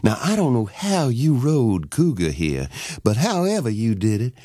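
A man's voice: mid-range voice, sing-song, normal speed, warm tone, no room sound, studio quality. A male storyteller voicing a flirty female fox who sweet-talks in a coaxing drawl. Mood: admiring.

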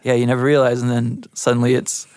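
A man's voice: mid-range voice, level tone, fast talker, a little mellow, clear, resonant tone, no room sound. A man talking casually as an interview guest, in a modest and slightly hesitant way. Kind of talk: casual chat.

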